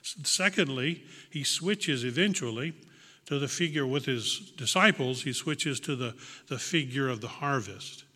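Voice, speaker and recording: A man's voice: mid-range voice, measured pace, bright, forceful tone, husky. A man preaching a sermon to a congregation, earnest and reflective, repeating words for emphasis. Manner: earnest, reflective, with small restarts and emphatic repetition. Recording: long hall reverb.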